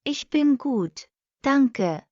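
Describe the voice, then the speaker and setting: Very slow woman reading practice phrases. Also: high voice, animated, dark tone, no room sound. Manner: reads each sentence twice, very slowly and evenly. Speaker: language lesson reader. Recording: dull lo-fi dry recording.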